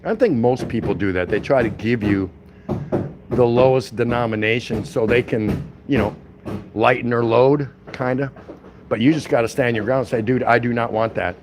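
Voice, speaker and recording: In a mid-range voice at a moderate pace, a man chats folksily to his livestream viewers, rambling and using slang as he walks around a city and pops into a convenience store. The background carries traffic, street and vehicle noise, and ambient sound.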